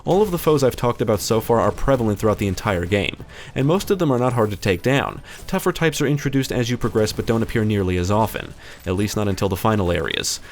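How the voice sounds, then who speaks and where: A man's voice: fairly low pitch, animated, quick pace. A man narrating a scripted video game review as a voice-over.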